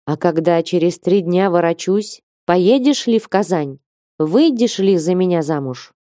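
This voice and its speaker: An ardent young man pleading his love, voiced by a woman reading aloud, urgent and commanding. The tone is lowish and mellow, recorded close and dry, with little change from the reader's own voice. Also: lively intonation, measured pace, dry recording. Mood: insistent. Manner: passionate and insistent. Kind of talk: audiobook character reading.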